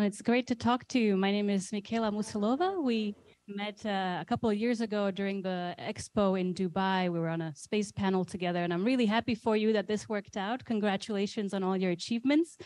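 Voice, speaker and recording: A woman's voice: mid-range voice, a little fast, darkish tone. A woman hosting an event, speaking unscripted in a friendly, polite and appreciative way. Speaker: event host and moderator.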